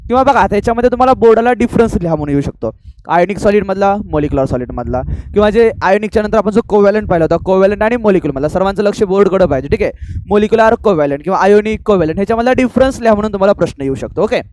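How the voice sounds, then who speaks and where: A man's voice: high voice, expressive. A male chemistry teacher with a Marathi accent, lecturing a classroom and making students repeat answers aloud, mixing in English terms. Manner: call-and-response drilling, urging students to answer loudly; mixes English terms into fast classroom talk.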